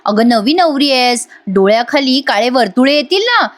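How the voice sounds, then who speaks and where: Woman doing sly young wife, mock-sweet, playful, high voice. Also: expressive, normal speed. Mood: teasing.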